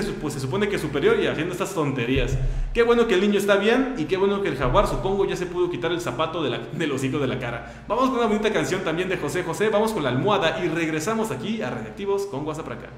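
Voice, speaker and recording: A man with a Mexican Spanish accent hosts a radio show, joking and chatting quickly in a slightly high voice. The studio sounds echoey, with faint ambience behind him. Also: a little hiss or hum. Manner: chatty, joking, sympathetic asides. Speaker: radio host. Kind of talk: casual radio banter.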